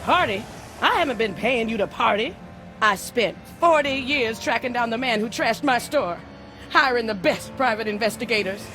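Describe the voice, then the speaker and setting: A woman's voice: fairly high pitch, expressive, normal speed, a bit bright. A woman playing a fierce, irate older mother and shopkeeper in a video game. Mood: angry, demanding. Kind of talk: video game character acting. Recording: music behind the voice.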